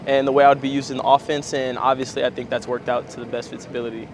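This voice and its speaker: A young man from New Mexico answers interview questions as a college football player. He talks quickly at a middling pitch, in a casual, matter-of-fact way. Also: little pitch movement, a little hiss or hum. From New Mexico, United States. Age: young adult. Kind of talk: post-practice media interview answers.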